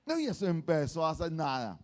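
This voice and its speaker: A man's voice: a little high, a little fast. A male pastor preaching a sermon, telling stories with energy and firing questions at the congregation. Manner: animated storytelling preacher quizzing the congregation.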